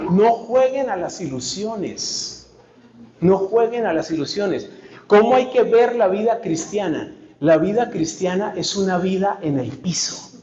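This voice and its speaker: An animated, humorous man preaching with a fairly high voice and firm emphasis. He is recorded live in an echoey hall, the sound a little dull, with an audience around him. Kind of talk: sermon.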